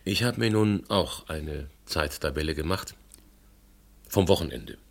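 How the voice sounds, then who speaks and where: Playing a probing investigator in a German radio play, this male actor uses a bass voice that is gravelly and husky, expressive and heavily acted. He questions formally and deliberately, with polite irony and scepticism.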